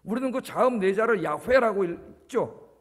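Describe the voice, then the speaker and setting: A man's voice: sits high, animated, normal speed, long reverb tail. A male pastor preaching a sermon in a church, asking the congregation questions, answering them himself and repeating key words for emphasis. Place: church sanctuary.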